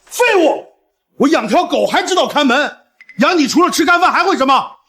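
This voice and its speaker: A greedy trucking boss with a startlingly high voice, played by a man. He lords it over his crew with shouted insults, and his pitch leaps wildly from line to line. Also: sing-song, a little fast, full character voice. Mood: raging. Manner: domineering, yelling insults. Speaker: company boss.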